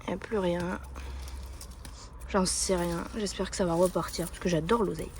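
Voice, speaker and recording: Speaking at a moderate pace in a lowish, steady, slightly mellow voice, a woman vlogs about her lifestyle, talking informally to a handheld camera indoors and out in her garden. She wanders off topic, laughs often and teases herself, and there's a little hiss or hum in the audio.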